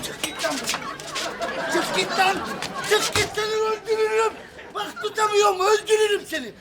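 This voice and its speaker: An actor playing a hot-tempered middle-aged husband who shouts blustering threats in coarse slang. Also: male voice, very high-pitched, lively intonation, a little fast, crowd noise, noisy background. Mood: furious. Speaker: sitcom actor. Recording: studio audience laughter behind.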